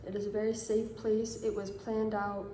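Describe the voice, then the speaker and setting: A woman in her twenties giving a measured, earnest statement straight to camera. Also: medium pitch, little pitch movement, dark tone, echoey room, a little hiss or hum, low-quality recording. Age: 20s.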